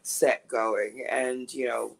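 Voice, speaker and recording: A woman, a guest recording artist, telling animated stories in a casual interview and laughing often. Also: a bass voice, takes it slowly, creaky.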